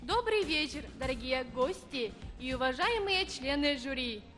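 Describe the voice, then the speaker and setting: Woman, early twenties, contestant speech, high voice, reverberant hall, faint music. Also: expressive, unhurried, a bit bright. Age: 20s. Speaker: pageant contestant. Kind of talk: formal rehearsed stage self-introduction.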